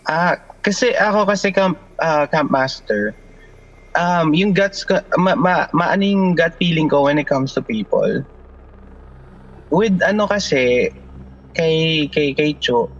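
A man explains his side in a casual chat, halting and restarting as he mixes languages. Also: on the high side. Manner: halting, restarts often, mixes Tagalog and English. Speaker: guest storyteller. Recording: dull lo-fi audio with faint noise.

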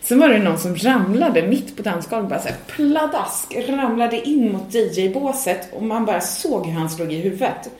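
A woman at a mid pitch tells a casual story on a podcast, chatty and loose, slipping into quoted voices and the odd swear word. The recording has a noticeable roomy echo around her. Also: expressive, few pauses, a little mellow. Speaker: podcast co-host and singer. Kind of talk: casual anecdote telling.

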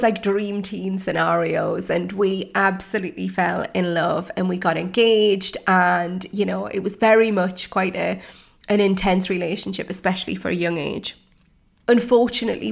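A woman in her thirties hosts her podcast and recounts her life in a candid, reflective way. Her voice sits at a middle pitch with a gravelly, fry-tinged edge. She talks freely, with plenty of fillers and restarts. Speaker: life coach, podcast host. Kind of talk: personal storytelling podcast.

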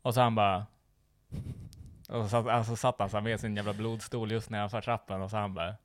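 A man's voice: on the low side, level tone, no echo, studio quality. A man telling a work story in casual chat, swearing freely and acting out what people said. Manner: swears a lot, acts out quoted dialogue.

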